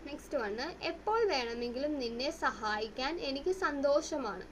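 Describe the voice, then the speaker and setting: A woman with a Malayali accent and Malayalam as her first language teaches spoken English, saying each English sentence slowly and clearly and explaining in quick Malayalam. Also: sits high, slight background noise, poor audio.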